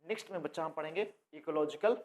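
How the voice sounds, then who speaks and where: A man's voice: on the high side, quick pace, darkish tone. A man from India teaching a coaching-class biology lesson, repeating key terms and asking the class questions that he then answers himself. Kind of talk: classroom lecture.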